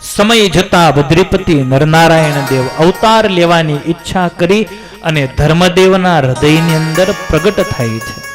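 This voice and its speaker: A man's voice: fairly high pitch, measured pace, music in the background. A man narrating a devotional religious story in a sermon style, with dramatic rises and drops in his voice.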